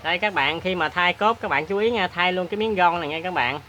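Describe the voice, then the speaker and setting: A man hosts a hands-on repair demonstration, talking in a chatty, plain-spoken way with many filler pauses. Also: high voice, sharp tone, slight background noise. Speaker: repair tutorial host.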